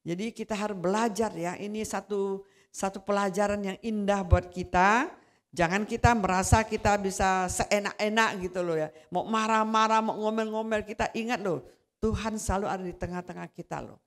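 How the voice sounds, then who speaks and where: A woman preaching a sermon, telling a personal testimony in a conversational way that grows animated when she retells quarrels. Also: mid-range voice, normal speed.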